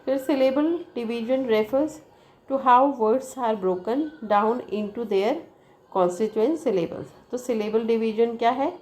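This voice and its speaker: Woman, teacher, slow and deliberate, checks in with listeners. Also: fairly high pitch, warm tone, low-quality recording. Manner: reads from text, checks with "right?" and "okay?". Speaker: English teacher. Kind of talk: bilingual lesson explaining slowly.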